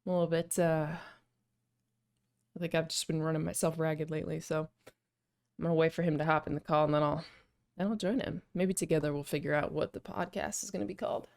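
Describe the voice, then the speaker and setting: A woman's voice: low voice, steady tone, quick pace, gravelly, a little mellow. A young woman hosting a casual podcast chat over a call, sounding groggy and sleepy, talking tentatively with many fillers. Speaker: podcast host. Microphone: video call.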